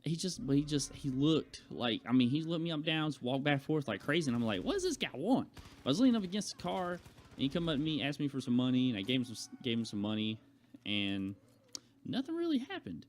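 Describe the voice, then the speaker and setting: Talking fast in a sing-song, medium-pitched voice, a young adult male vlogger tells his viewers a rambling story about himself. He keeps it conversational and dramatizes the quoted comments.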